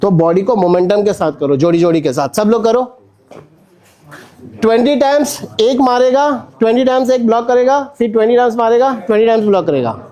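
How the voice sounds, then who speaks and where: A man's voice: very high-pitched, a little fast, warm tone. A man teaching a stage-fight drill to an acting class, counting punches and calling out corrections with energy. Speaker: acting instructor. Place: indoor acting studio with a class.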